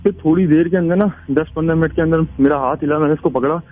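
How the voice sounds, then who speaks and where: A man's voice: a little high, quick pace, no echo. A man calling in to tell a ghost story in a rambling, casual way, with many restarts. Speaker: caller. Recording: tinny phone line.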